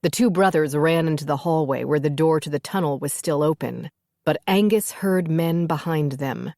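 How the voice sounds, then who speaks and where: A woman narrating a fantasy audiobook in a steady, measured storytelling manner. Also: sits low, dry recording, studio quality.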